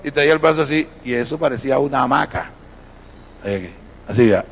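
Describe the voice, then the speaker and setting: A man's voice: medium pitch, brisk. A man preaching a sermon as pastor, telling a story and acting out the people in it. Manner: storytelling, acting out quoted voices. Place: church.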